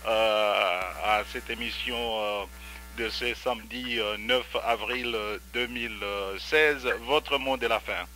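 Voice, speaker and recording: Halting Congolese man hosting an interview. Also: mid-range voice, fairly even intonation, bright, forceful tone, a little hiss or hum. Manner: halting, many filler sounds and restarts. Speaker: radio host and teacher. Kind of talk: radio interview.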